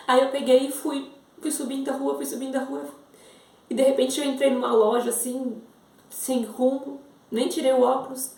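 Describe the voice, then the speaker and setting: A Brazilian woman in her thirties, a mother, shares an emotional faith testimony with her viewers, speaking earnestly, repeating phrases and addressing them directly. Her high voice is gravelly with a darkish tone, recorded on a distant mic in a reverberant space.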